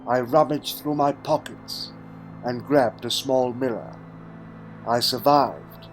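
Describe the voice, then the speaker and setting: A man's voice: medium pitch, slow pace, a little hiss or hum, lightly acted. A man playing a weary time-travelling hero who narrates his own story in a solemn, theatrical way in an audio drama. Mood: wondering. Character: the Fourth Doctor, weary male time-travelling hero recalling his fall. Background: music.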